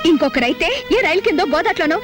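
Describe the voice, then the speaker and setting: An actress playing a sharp-tongued young unmarried woman in a film, firing quick retorts. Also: very high-pitched, animated, music in the background. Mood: scolding. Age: young adult. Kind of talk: film dialogue.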